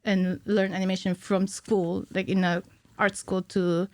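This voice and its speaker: This animator, a woman of about thirty-something, is a guest in a casual podcast interview, giggling and informal as she explains things. Her delivery is flat and unhurried in a mid-range voice. The recording is dry, from a close stand-mounted studio mic in a small indoor podcast studio.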